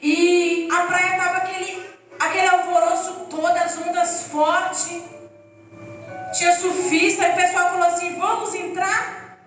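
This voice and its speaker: A woman's voice: extremely high pitch, flat delivery, measured pace, fairly bright tone, slight background noise. A woman giving an earnest, emotional personal testimony to a church congregation. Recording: echoey hall, distant mic, faint music.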